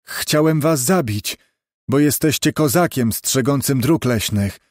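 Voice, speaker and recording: A man's voice: medium pitch, measured pace, no echo, clean studio sound, lightly acted. Man voicing a stammering desperate runaway convict. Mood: shaken. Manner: stammering, pleading. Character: starving runaway male convict, broken and desperate. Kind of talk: audiobook character voice.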